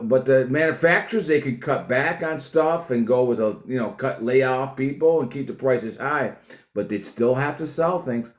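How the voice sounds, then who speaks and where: A man from the United States hosting a casual news and opinion monologue for preppers, halting as he repeats and rephrases himself. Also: medium pitch, roomy sound. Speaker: host of a prepper news channel.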